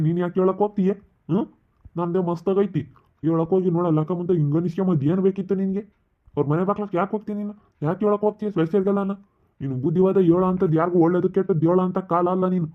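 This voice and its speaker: A man playing a stern older village man who scolds the women to keep quiet, in an amateur skit. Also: sits high, steady tone, racing, close to an everyday voice. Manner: admonishing, repeats rhetorical questions. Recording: tinny phone-like audio.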